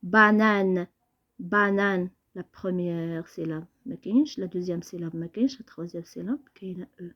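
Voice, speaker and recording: A woman with a Moroccan accent teaching a primary school French lesson, mixing Darija and French and saying each word twice, slowly. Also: fairly low pitch, husky, muffled recording. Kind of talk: lesson explaining exercises.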